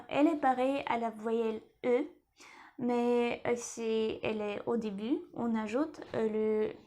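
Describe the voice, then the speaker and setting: A woman teaching a lesson in French, repeating each word slowly and carefully. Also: a little high. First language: Russian. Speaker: language teacher.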